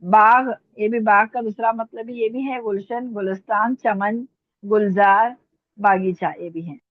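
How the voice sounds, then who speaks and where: A woman's voice: medium pitch, steady tone, a little slow, no echo. A woman teaching an online Urdu vocabulary class, patiently repeating words and asking her students questions. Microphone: online class call. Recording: tinny phone-line audio, dry.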